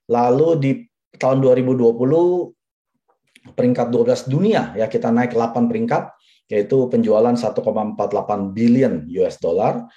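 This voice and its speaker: A man's voice: mid-range voice, dark tone, highs cut off. A man in his forties giving a persuasive seminar talk, addressing the audience directly and repeating his key points. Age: 40s. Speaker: business presenter.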